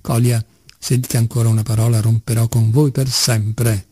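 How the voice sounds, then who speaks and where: A man's voice: medium pitch, level tone, moderate pace, mellow, slightly rough, no room sound, close to an everyday voice. A man reading the part of a stern, earnest young man in an audiobook. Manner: firm, imperious.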